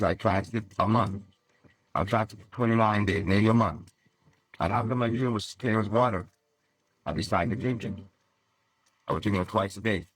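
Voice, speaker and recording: A man's voice: on the low side, husky, no room sound. A man in an archive clip telling a rambling personal anecdote, repeating and correcting himself as he goes.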